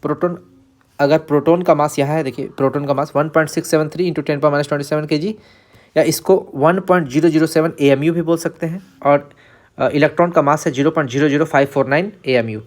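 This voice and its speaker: A man's voice: fairly high pitch, fairly even intonation, a little fast. A man teaching an exam-prep chemistry lesson, explaining step by step, repeating key numbers and asking and answering his own questions.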